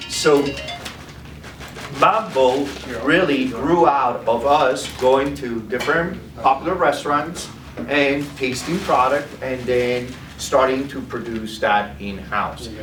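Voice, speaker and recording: With music in the background, a medium-pitched man speaks slowly through a live sales demo in a food trade demo room, adding "okay?" to his points. The sound is echoey and noisy from a distant mic.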